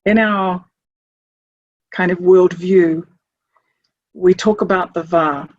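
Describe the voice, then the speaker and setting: A middle-aged woman from Samoa speaks in a husky, breathy voice, searching for her words with small restarts. The sound is dry and a little dull, as if close-miked in a quiet room. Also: fairly low pitch, steady tone, takes it slowly, no room sound. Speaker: chief executive of a leadership organisation. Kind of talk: reflective talk to camera.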